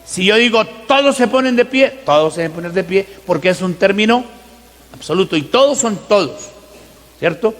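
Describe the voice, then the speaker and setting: A man preaching a teaching sermon, who asks the congregation rhetorical questions and slows down to stress scripture verses. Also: sits high, animated, fairly bright tone. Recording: long hall reverb.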